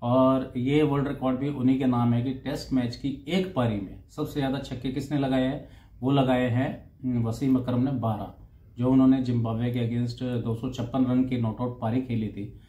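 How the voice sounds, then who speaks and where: A man casually reading out cricket statistics, saying the numbers in both Hindi and English and pausing now and then over names and figures. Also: medium pitch, steady tone, mellow, dull audio. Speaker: cricket stats presenter. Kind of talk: casual talk. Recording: roomy echo with faint ambience.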